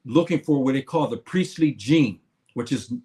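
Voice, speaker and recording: Old man in his 70s on a livestream, mid pitch, lots of uh and restarts, keeps repeating his main points. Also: animated, dark tone. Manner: halting, with many fillers and repeated words; repeats key phrases to his listeners. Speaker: livestream speaker. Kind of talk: casual livestream talk to viewers.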